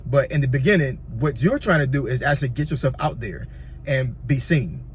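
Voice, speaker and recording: Brisk and expressive, a man with a mid-range voice and a Southern accent from Virginia, USA, gives casual YouTube tips that ramble. He repeats himself and often asks "you know what I'm saying," over slight background noise.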